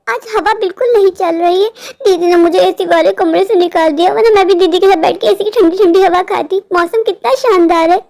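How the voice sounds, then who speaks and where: A woman voicing a frightened young woman who pleads anxiously in an animated horror story. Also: very high-pitched, gravelly.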